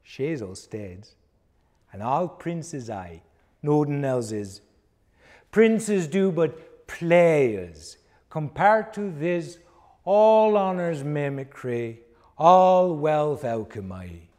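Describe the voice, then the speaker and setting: A man's voice: a little high, big pitch swings, very slow, darkish tone. A middle-aged man reciting poetry dramatically in Shakespearean English with reconstructed early modern pronunciation, projecting to the room in a wooden hall. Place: wooden recital stage indoors. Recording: long reverb of a wooden hall.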